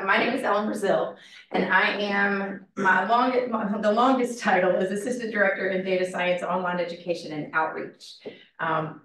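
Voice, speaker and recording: A woman with a hoarse voice she is losing, giving a chatty informal presentation about a degree program, with plenty of fillers. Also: mid-range voice, fairly bright tone. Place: classroom. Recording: echoey room from far off.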